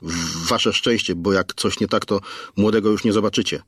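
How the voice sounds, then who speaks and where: A man's voice: lowish voice, moderate pace, fairly bright tone, husky, dry recording, clean studio sound. A man reading an audiobook, voicing a crude male kidnapper who stammers and mocks over the phone. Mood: threatening. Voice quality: stammering, slangy and mocking.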